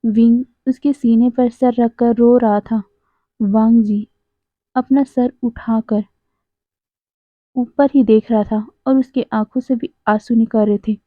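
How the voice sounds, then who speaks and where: Woman storyteller reading fan fiction, slow and flat, tinny phone-line sound. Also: on the high side, no room sound.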